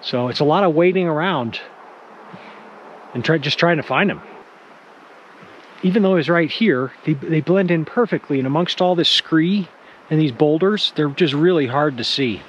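A wildlife photographer chatting casually in a vlog, relaxed and self-deprecating, out in a rocky field at dusk. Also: male voice, fairly high pitch, moderate pace, long pauses, lo-fi sound, slight background noise.

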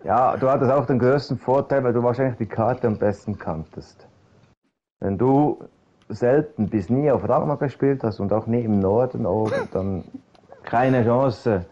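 A man's voice: mid-range voice, normal speed. A man organizing a game server event, chatting casually with fillers over voice chat while playing. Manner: relaxed, chatty, hesitant with fillers. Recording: dull lo-fi voice chat.

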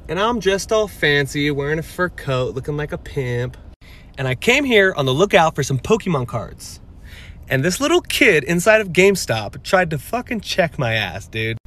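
A man's voice: a little high, very animated, moderate pace, a bit bright. A young man telling a brash, crude comic story with lots of swagger.

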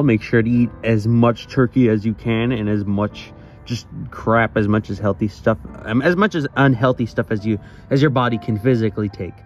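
A man's voice: fairly low pitch, muffled recording. A young man chatting casually to his fans outdoors, shivering from the cold, rambling and joking at his own expense. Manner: rambling, self-mocking, jokey. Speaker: YouTube creator. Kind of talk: casual vlog greeting to fans.

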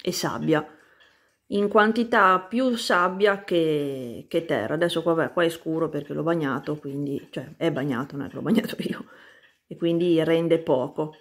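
A woman vlogging casually about her seedlings, pausing often to search for words as she films with a handheld phone. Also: deep voice. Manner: hesitant, searches for words, many fillers. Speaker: plant vlogger. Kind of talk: casual how-to chat.

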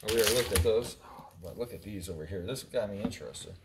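A fast-talking man with a lowish voice, a little hiss or hum in the recording, goes through old items indoors among block walls. He's an auctioneer in his thirties, reading labels aloud and teasing his crew in loose, casual unboxing commentary.

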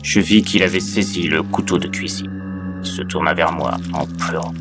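A man's voice: sits low, fairly even intonation, moderate pace. A man reading a first-person horror story in a dramatic storytelling style. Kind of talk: creepypasta narration. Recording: narration over loud music.

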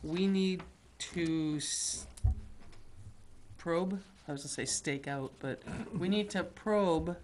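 Low-pitched woman, town official at a board meeting, practical and organizing, faint room noise. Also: slow, darkish tone. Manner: practical, organizing, thinks aloud with fillers. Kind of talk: casual meeting discussion.

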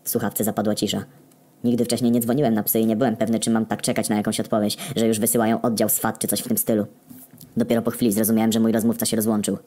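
A man narrating a comedic story in a deadpan, wry tone with frequent swearing. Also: on the low side, quick pace.

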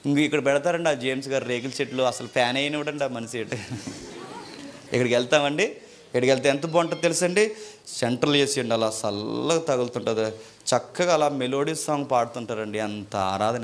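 A male pastor preaching a sermon, moving between forceful shouted rebukes and low, mocking asides.

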